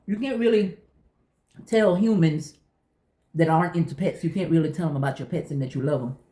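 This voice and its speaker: A woman's voice: low-pitched, a little fast, warm tone. Chatty woman in an echoey room. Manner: chatty, emphatic, repeats phrases for emphasis. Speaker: vlogger. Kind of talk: casual chit-chat storytelling.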